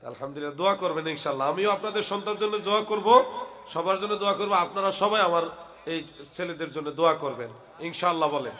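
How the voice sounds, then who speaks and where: Hoarse, bright-voiced man preaching. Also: fairly high pitch, fast. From Bangladesh. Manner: loud, heated, swings into shouting. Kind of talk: Bengali waz sermon. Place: outdoor religious gathering stage.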